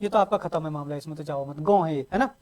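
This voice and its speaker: A man teaching a Hindi grammar lesson at a coaching class, asking the class questions, answering them himself and repeating sounds slowly for emphasis. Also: a little high, darkish tone. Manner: drawn-out emphatic repetition of sounds.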